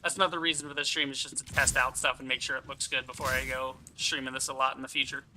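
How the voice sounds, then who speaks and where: A man's voice: mid-range voice, flat delivery, quick pace, bright, forceful tone, a little hiss or hum. A man giving casual game commentary as a streamer, rambling as he thinks aloud and swearing casually. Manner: casually profane.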